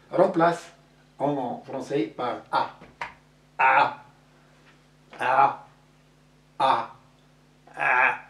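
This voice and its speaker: Very slow man teaching letter sounds. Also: mid-range voice. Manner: drawn-out, repeats each sound several times. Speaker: Arabic teacher. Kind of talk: slow classroom-style letter lesson. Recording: echoey room, voice from a distance.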